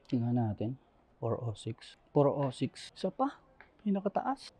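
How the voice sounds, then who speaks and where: A man's voice: mid-range voice, sing-song, unhurried, mellow, husky. A man from the Philippines, a delivery rider vlogging casually to his viewers while out on the streets, laughing often, apologizing with a joke, and tagging his sentences with little questions. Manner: chatty, laughs often, keeps adding tag questions; apologetic, joking asides.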